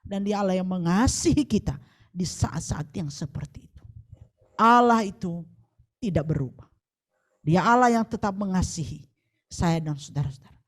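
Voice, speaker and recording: A woman preaching a sermon, moving from soft pleading lines to loud proclaiming ones. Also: fairly low pitch, expressive, normal speed, long pauses.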